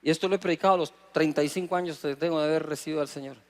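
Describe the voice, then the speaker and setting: Middle-aged Guatemalan preacher, high voice, lively sermon with acted-out exchanges and crowd call-outs. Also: male voice, rapid-fire. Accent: Guatemalan Spanish. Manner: lively preaching with acted dialogue and audience prompts. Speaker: pastor.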